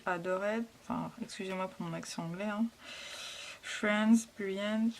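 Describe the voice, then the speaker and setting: A woman hosting a casual scrapbooking haul, talking softly and hesitantly with frequent fillers. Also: mid-range voice, slight background noise. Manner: soft, hesitant, lots of fillers. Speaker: scrapbooking vlogger. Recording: packaging crinkles and clicks behind.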